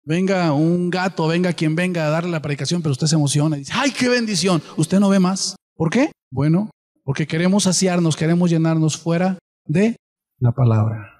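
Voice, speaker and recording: A male pastor delivers a sermon in a high voice. He keeps checking that his listeners are with him, asking question after question. The voice rings through a hall with a long reverb. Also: moderate pace, a little mellow. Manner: preaching with rhetorical questions to the congregation.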